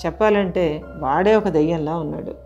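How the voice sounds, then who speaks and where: A woman narrating a haunted house audio story in an expressive, dramatic storytelling manner. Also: low-pitched, moderate pace, muffled recording, soft background music.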